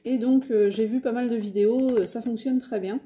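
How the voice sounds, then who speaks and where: A woman's voice: a little high, fairly even intonation, a little fast, mellow. A French woman casually showing her craft shopping haul, talking with many hesitations and fillers. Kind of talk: casual haul video talk. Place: home, near a window.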